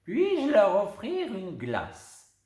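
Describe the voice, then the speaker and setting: A man doing a gentle teasing old grandmother. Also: high-pitched, wildly swooping pitch, drawn-out words, pitched above the performer's own voice, exaggerated voice. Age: older. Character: kindly playful old grandmother. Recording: roomy echo.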